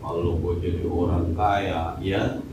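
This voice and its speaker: A man's voice: low-pitched, steady tone, slow, heavy background noise. A middle-aged man with a Betawi Jakarta accent gives a joking, slangy sermon, acting out everyday scenes. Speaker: preacher. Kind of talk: mosque study-circle sermon. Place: mosque hall. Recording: echoey hall, mic from far off.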